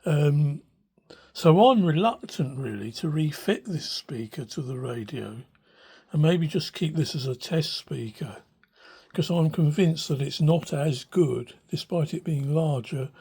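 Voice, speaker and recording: The older man's voice is high-leaning yet dark, gravelly and husky, and he talks a little slowly. A hobbyist who restores radios, he gives a loose, unscripted, hesitant demonstration in a cramped, cluttered room, recorded by a handheld phone behind the camera.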